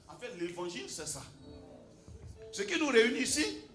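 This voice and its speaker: A man preaching a sermon, swinging between shouted emphasis and quiet storytelling and coming back to a repeated refrain. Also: very high voice, huge pitch swings, moderate pace, roomy sound, soft background music.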